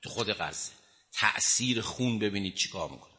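Male preacher with a bright, forceful voice and emphatic, conversational storytelling. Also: on the low side, expressive. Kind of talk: religious lecture with storytelling.

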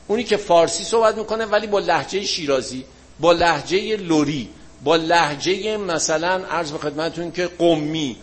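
A man teaching a religion class, answering students' questions in a relaxed, colloquial way and leaning on everyday examples. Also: on the high side. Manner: closes with a chanted-style supplication.

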